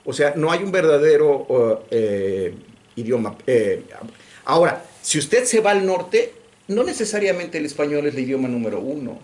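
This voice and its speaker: A man from Mexico giving a lecture in Spanish. He talks in an animated way with many restarts, and sometimes slips into English phrases. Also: on the high side, moderate pace. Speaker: guest lecturer. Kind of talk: lecture discussion. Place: library lecture room.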